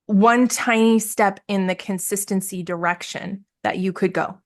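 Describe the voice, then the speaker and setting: A woman's voice: mid-range voice, steady tone, measured pace. Upbeat woman coaching on a live call. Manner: upbeat, encouraging, laughs often. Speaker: business coach.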